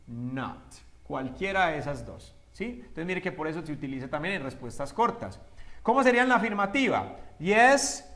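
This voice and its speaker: A male English teacher leads a lively whiteboard lesson in a fairly high voice, asking questions and answering them himself. He slows down sharply for English example phrases, stretching each one out slowly and carefully.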